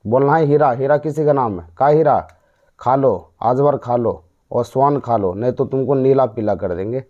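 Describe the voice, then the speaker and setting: A man's voice: medium pitch, moderate pace, dark tone. A man with a Bihari Hindi accent teaching general knowledge mnemonics, repeating and quizzing in a call-and-response way. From India. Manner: repetitive, drilling call-and-response. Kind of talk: exam mnemonic lesson. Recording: dull lo-fi audio.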